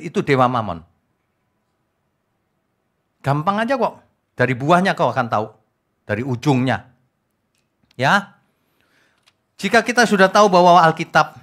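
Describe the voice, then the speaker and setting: A male pastor preaching with a somewhat high voice. His pitch swings widely as he scoffs and jabs at his listeners. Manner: mocking, lively preaching with mimicked quotes. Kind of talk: evening prayer sermon.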